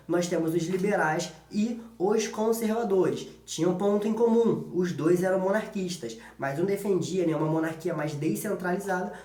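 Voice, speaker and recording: A man teaches an informal history exam-prep class with a Brazilian accent, colloquial in style and often checking in through short tag questions. His voice is high-pitched with a darkish tone. The room sounds echoey.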